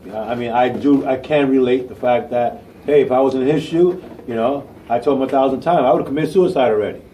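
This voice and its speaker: Man, trainer, casual interview talk, mellow tone, heard from a distance, faint background noise. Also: mid-range voice, quick pace. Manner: animated, voice rising loudly when excited.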